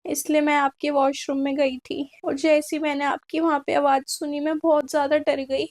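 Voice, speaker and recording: A woman's voice: sits high, level tone, normal speed, a little mellow, close to an everyday voice. A woman voicing a timid schoolgirl who apologizes and cries in a comedy skit. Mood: apologetic. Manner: apologetic, tearful. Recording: faint music behind.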